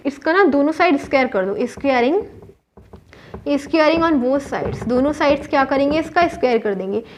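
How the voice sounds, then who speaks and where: A maths teacher with an Indian accent talks through a whiteboard lesson step by step, answering her own questions. Her voice sits high and sounds a bit bright. A little hiss or hum runs through the dull, lo-fi recording.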